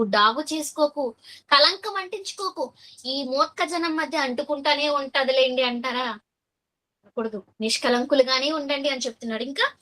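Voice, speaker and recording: A woman delivers a sermon in a high, ringing voice. She keeps putting questions to her listeners and then answers them. When she quotes verses, she slows down and reads them deliberately. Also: a bit bright. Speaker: preacher.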